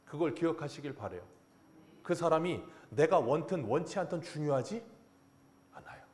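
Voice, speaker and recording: Animated Korean male pastor preaching. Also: on the high side, moderate pace. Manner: animated preaching, acts out God's and Jonah's lines, chuckles at himself. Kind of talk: sermon.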